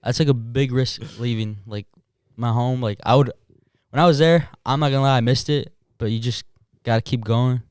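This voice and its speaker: A man's voice: mid-range voice, fairly even intonation, moderate pace, darkish tone, clean tone, no echo. An earnest, reflective man, a Marine veteran. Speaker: podcast guest, Marine veteran. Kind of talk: casual chat.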